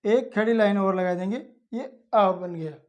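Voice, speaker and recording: A woman with a medium-pitched voice gives a slow, step-by-step lesson to young children. Taking her time, she explains each step patiently and repeats it plainly.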